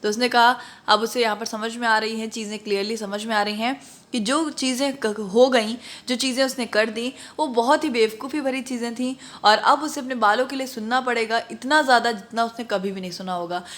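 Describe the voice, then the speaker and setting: A woman teacher who reads a story's English passages slowly and then explains them line by line in a conversational tone. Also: on the high side, fairly even intonation, a bit bright.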